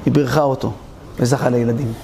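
A man's voice: medium pitch, fairly even intonation, vocal fry, mellow, a little hiss or hum. A man preaching a sermon as a rabbi, telling a story, acting out its characters and questioning his audience directly.

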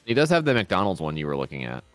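A man's voice: low-pitched, huge pitch swings, quick pace, fairly bright tone, no room sound, soft background music. A man co-hosting a live stream, chatting easily about the video they watch. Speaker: co-host reacting to videos. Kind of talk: casual stream chat.

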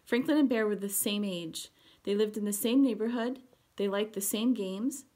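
A woman, a pre-K teacher, reading a picture book aloud to children, explaining the pictures gently. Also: medium pitch, moderate pace.

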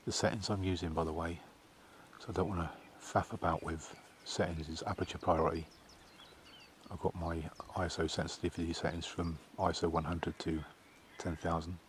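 Low, flat-voiced man filming outdoors. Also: moderate pace, a little hiss or hum. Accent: English. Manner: plain, chatty, matter-of-fact. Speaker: wildlife photographer. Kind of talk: casual outdoor vlog narration. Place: outdoors in a field by trees. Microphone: camera at arm's length.

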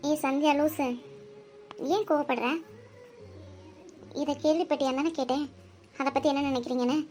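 A woman's voice: high voice, steady tone, normal speed, darkish tone, soft background music, lightly acted. A woman voicing a teasing gossipy cousin. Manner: teasing, chatty.

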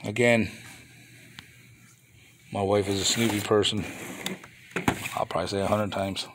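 Over background noise, a man with a lowish voice speaks at a measured pace with fairly even intonation. He's a toy reseller showing flea market finds at a table of toys indoors, filming on a handheld phone for a casual off-camera show-and-tell vlog. He chats casually, rambling and grumbling mildly.

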